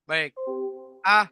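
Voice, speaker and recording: A middle-aged man with a Javanese accent, a teacher hosting a school Zoom session in a lively, chatty way, mixing in Javanese words. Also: no echo, clean studio sound. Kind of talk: casual hosting over Zoom.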